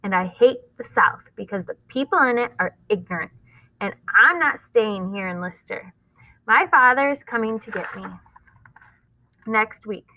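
A woman reading aloud and voicing a defiant sixth-grade girl with a gravelly voice. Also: mid-range voice, animated, normal speed, sharp tone, low-quality recording.

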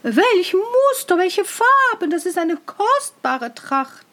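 A woman's voice: big pitch swings, slow, heavily acted. A woman voicing a pair of fawning male swindlers who gush over the emperor's clothes. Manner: gushing, high and loud.

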